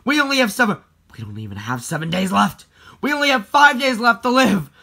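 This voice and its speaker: A dim, jumpy male animatronic bear, as a performer puts him on in a homemade puppet skit. The voice is bright and sharp and climbs and drops all over. He keeps lurching from yelling to mumbling under his breath. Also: medium pitch, big pitch swings, fairly quick, gravelly, exaggerated voice. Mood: panicked. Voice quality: swings from shouting to mumbling.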